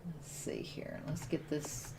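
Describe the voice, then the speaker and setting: A woman's voice: low voice, fairly even intonation, slow, vocal fry, mellow, slight background noise. A woman streaming a survival game, giving casual commentary and thinking aloud as she plays. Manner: thinks aloud while playing, with restarts and laughs.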